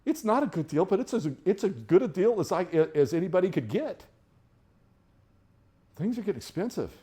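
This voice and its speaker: A middle-aged man teaching a money class in a casual, rambling way, with frequent restarts, getting more animated during personal stories. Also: fairly quick. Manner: grows more animated and higher when telling personal stories. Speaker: budgeting class instructor. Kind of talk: classroom lecture.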